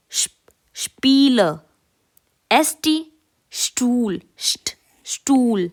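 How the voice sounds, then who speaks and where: A woman, teaching a casual lesson and repeating each sound slowly and clearly for learners. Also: a little high, a bit bright. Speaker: German teacher.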